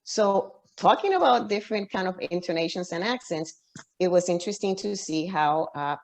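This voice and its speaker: A woman with a slightly low voice speaks as an author guest in an interview. She answers at length and thinks aloud, restarting phrases and using plenty of fillers as she works out each point. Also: expressive, moderate pace, a little mellow. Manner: reflective, with frequent restarts and fillers.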